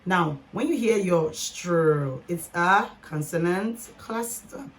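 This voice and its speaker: Slow, low-voiced phonics teacher woman. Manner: patient, sounds out words slowly, addresses learners directly. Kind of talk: teaching lesson to camera.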